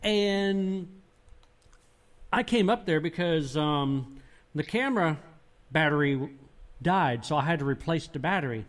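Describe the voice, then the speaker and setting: This paranormal investigator has a fairly high voice and a measured pace, pausing often as he relates his experiences in a casual podcast interview. His retelling is animated and rambling, with restarts.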